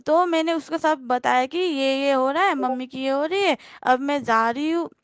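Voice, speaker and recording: A woman's voice: sits high, moderate pace, no room sound, studio quality. A young woman telling her story on a livestream call, rambling and hesitant, with many fillers and restarts.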